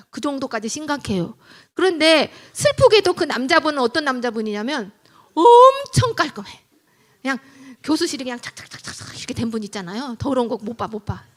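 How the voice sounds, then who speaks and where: Woman, middle-aged, church family lecturer, animated storyteller, asks questions, slightly high voice. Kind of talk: lively church lecture with anecdotes.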